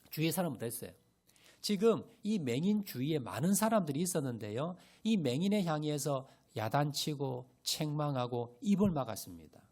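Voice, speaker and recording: Man, pastor, sermon, lively rising and falling voice, fairly high pitch, questions to the congregation. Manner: preaching with rhetorical questions to the congregation; animated, rising and falling emphasis. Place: church sanctuary.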